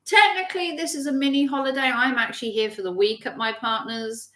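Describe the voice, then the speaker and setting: Bright-voiced chatty woman. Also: high-pitched, fairly even intonation, fairly quick, reverberant. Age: 40s. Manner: chatty, rambling, with frequent restarts and fillers. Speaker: livestream host. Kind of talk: casual live-stream chat reading viewer comments.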